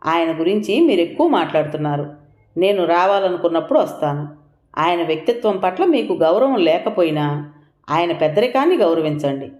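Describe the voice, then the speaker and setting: A woman reading a patient middle-aged wife in an audio storybook, speaking softly and reasonably, her voice lifting and falling a lot. The room gives it an echoey ring. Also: fairly low pitch, sing-song, brisk. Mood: soothing. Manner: gentle, soothing, reasoning.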